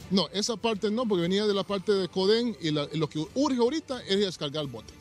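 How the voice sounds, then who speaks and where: A man's voice: sits high, lively intonation, brisk, faint music behind. A middle-aged man from Honduras, a mayor speaking outdoors at night into a reporter's handheld mic, blunt and urgent. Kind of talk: live news interview. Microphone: reporter's handheld microphone.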